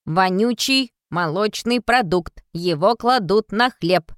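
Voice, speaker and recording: A woman voicing a small rusty toy space robot in a storybook, speaking in slow, clipped, mechanical words. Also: mid-range voice, animated, smooth, dry recording, studio quality. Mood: robotic. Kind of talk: storybook reading.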